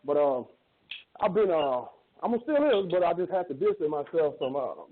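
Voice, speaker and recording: A man calls into a show on speakerphone, his slightly high voice echoing as though he stands in a tunnel. The phone line is thin and tinny, with a faint hiss behind him. He rambles and stalls, repeating words as he goes. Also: lively intonation, moderate pace. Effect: echoing tunnel sound on speakerphone. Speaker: caller. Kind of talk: call-in show chat.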